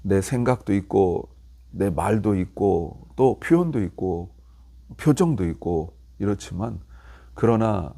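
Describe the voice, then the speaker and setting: Husky low-voiced Korean pastor preaching. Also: male voice, dark tone. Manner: explanatory, rising emphatically when paraphrasing Job. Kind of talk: early-morning Bible exposition sermon.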